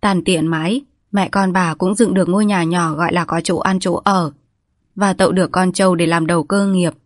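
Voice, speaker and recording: Calm woman narrating a story. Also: fairly low pitch, a little fast, no echo, clean studio sound.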